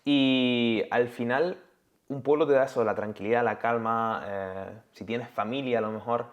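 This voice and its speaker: A young man from Tenerife with a Canarian Spanish accent, talking as an interview guest in a relaxed, chatty way. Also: medium pitch, normal speed, muffled recording. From Tenerife, Canary Islands. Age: young adult. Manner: relaxed, chatty, peppers speech with "¿sabes?" and "tío". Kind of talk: casual conversational interview.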